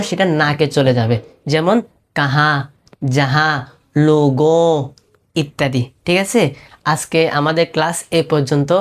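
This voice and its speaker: A woman teaches a beginner class in a low, steady voice. She goes through each term slowly and repeats it, often pausing to ask whether it is clear. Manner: patient, repeats terms slowly with frequent checks. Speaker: Urdu teacher. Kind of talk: step-by-step language lesson.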